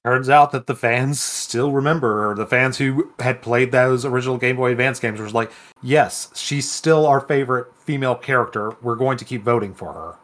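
A man with a mid-range voice, co-hosting a relaxed podcast about video games. He explains things in an easy, conversational way and picks up speed when he gets excited. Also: mid-range voice, normal speed. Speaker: podcast co-host.

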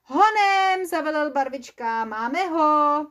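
Bossy male storybook creature leader, put on by a woman, pushy, theatrical, high and loud. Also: lightly acted. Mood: brisk.

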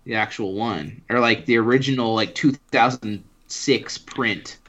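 A man in an easygoing podcast chat, talking loosely and hedging. His voice sits at a middle pitch, and the audio is somewhat dull and lo-fi. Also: unhurried, a bit bright. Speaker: podcast co-host discussing books. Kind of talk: casual chat.

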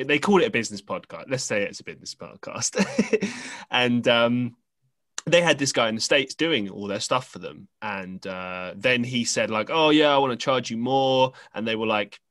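Low-voiced young English man, rambling. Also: moderate pace, a bit bright, dry recording. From England. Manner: rambling storyteller, frequent fillers and restarts. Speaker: podcast host. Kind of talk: casual conversation.

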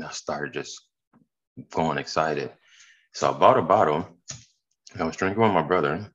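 A man's voice: very deep voice, a bit bright, dull audio. A hungover man hosting a podcast in loose, slangy, profane, rambling casual chat. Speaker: podcast host.

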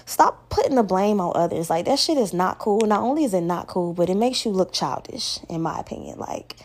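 A woman's voice: medium pitch, lively intonation, brisk. A young woman hosting a solo podcast, giving blunt, profane advice in casual talk. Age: young adult. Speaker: podcast host.

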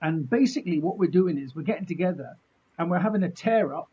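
A man's voice: high-pitched, expressive, fast talker, slightly rough, highs cut off. A middle-aged man, telling anecdotes in casual chat in a jokey, self-deprecating, mildly sweary way. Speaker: martial artist being interviewed.

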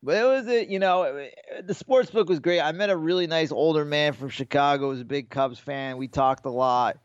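A man's voice: fairly high pitch, brisk, clear, resonant tone, no echo, highs cut off. A man co-hosting a podcast, telling rambling, profane stories and acting out the people in them. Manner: rambling storyteller, swears freely, acts out quotes. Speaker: podcast co-host. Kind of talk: casual sports betting chat.

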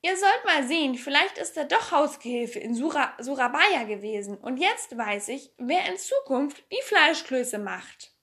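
A woman voicing a strong, wild and cheerful little girl in a storybook reading, talking loudly and cheekily. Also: high-pitched, big pitch swings, unhurried, few pauses, exaggerated voice. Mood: chatty. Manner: loud, laughing, playfully cheeky. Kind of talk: audiobook character voice.

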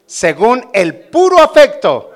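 A man preaching a sermon in a church, asking rhetorical questions and calling out amen and hallelujah while pausing for his interpreter. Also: very high voice, huge pitch swings. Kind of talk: Spanish sermon with live interpretation.

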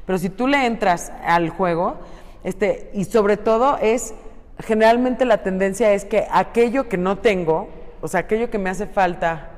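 A middle-aged woman talks earnestly about raising children, often stopping to find the right word and acting out little exchanges. Her voice sits at a middle pitch. A long reverberant tail trails behind her in the room. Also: a little slow, a little mellow. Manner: earnest, searching for words, acts out dialogue. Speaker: parenting speaker. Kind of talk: explanatory casual talk.

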